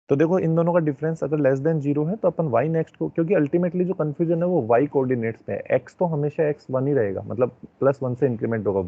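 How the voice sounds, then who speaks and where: A man with an Indian accent, a teacher giving an online class, explaining slowly and checking in often, heard through a thin, phone-like headset mic. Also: mid-range voice, gravelly, no room sound. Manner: slow, drawn-out explaining with frequent check-ins.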